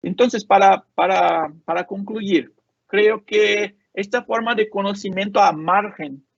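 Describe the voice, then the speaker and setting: A man with a gravelly, husky, high-sitting voice lectures over a video call as a conference speaker in an academic talk with Q&A. He speaks haltingly with many fillers and restarts, and the call audio is dull and lo-fi with no room sound.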